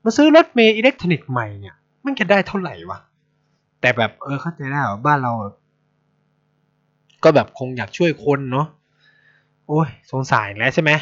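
Here the Thai podcast host speaks at a medium pitch, a little fast but with long pauses, telling stories in blunt, animated chat full of swearing. The recording sounds dull and lo-fi.

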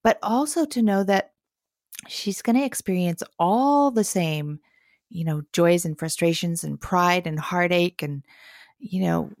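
A woman's voice: on the low side, measured pace, darkish tone, no echo, clean studio sound. A woman hosting an interview, listening with frequent agreement and asking her guest questions. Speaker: interview host. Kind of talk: conversational interview.

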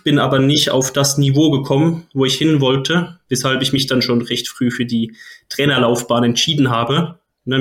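A man from Switzerland, a guest coach, answering interview questions in a relaxed way, laughing often and tagging "ne?" onto his sentences. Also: mid-range voice. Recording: echoey room.

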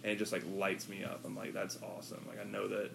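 A man chatting casually on a podcast, relaxed and rambling with lots of fillers. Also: fairly low pitch, fast, creaky, background noise. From US West Coast. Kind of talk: casual chat.

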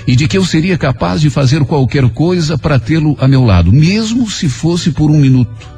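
A man reads a dramatic first-person story on radio, expressive and storytelling in manner. His fairly high voice moves a lot in pitch. Soft music plays faintly underneath. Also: normal speed. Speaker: radio narrator.

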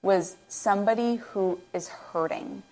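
A woman's voice: mid-range voice, a little slow, darkish tone. Earnest woman host, nearly teary. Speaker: host and nutrition coach. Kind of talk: reflective interview commentary. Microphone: own microphone.

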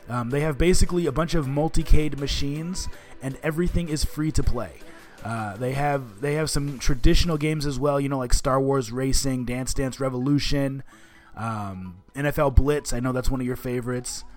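A man co-hosting a podcast in casual, enthusiastic chat, talking like he is with a buddy. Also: medium pitch. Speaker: podcast co-host.

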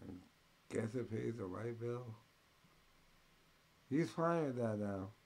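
A man hosting a ranting commentary show, talking slowly and deliberately at a middle pitch. His tone is mocking and profane. Now and then he breaks into loud, high-pitched impressions of the people he is mocking. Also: animated, vocal fry. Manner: mocking, profane, mimics others in loud bursts.

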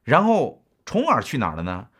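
A man's voice: mid-range voice, wildly swooping pitch, normal speed, fairly bright tone, slightly rough. A middle-aged man giving a casual storytelling history lecture, chatty and full of rhetorical questions to the listener.

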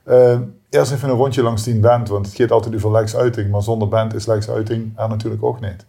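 A man's voice: fairly low pitch, steady tone, a little fast, creaky, warm tone. A man with a Limburg Dutch accent, hosting a casual podcast interview. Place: venue dressing room.

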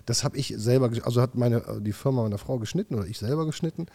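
A man's voice: mid-range voice, racing, creaky. A middle-aged man, a podcast co-host, telling stories in a casual chat and acting out quotes. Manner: lively storytelling, acts out quotes, swears. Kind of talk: casual beer-fuelled chat.

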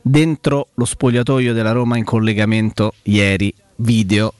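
A man's voice: fairly low pitch, level tone, moderate pace, a little mellow, no room sound. A man co-hosting casual radio banter, insistent and repeating himself. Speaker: radio co-host.

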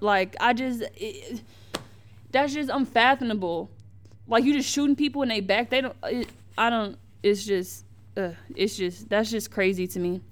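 A young woman hosting a podcast, giving heated, emphatic commentary on the news, with slang and frequent restarts. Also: mid-range voice. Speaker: podcast host.

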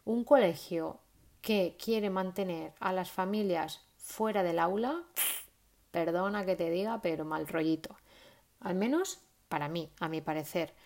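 A woman's voice: on the low side, a little slow, darkish tone. A woman, giving parenting advice in a casual, chatty monologue with frequent "¿vale?" tags. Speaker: parenting vlogger.

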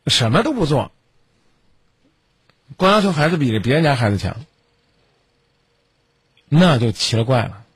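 A man's voice: mid-range voice, sing-song, unhurried, pauses often, husky, dry recording. A man hosting a radio call-in advice show, scolding a caller in a stern lecture full of pointed questions.

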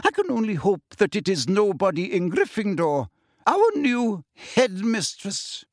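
A man's voice: sits high, big pitch swings, a little slow, no echo, studio quality, voice pushed up. Professor McGonagall, a stern older woman, as a man puts her on. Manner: clipped, severe and formal.

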